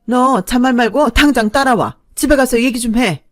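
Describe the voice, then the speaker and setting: A woman voicing a snobbish middle-aged mother who talks down to others in a shrill, domineering way. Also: animated, brisk, faint music behind, natural voice. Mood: shrieking. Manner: shrieking, scornful, loud.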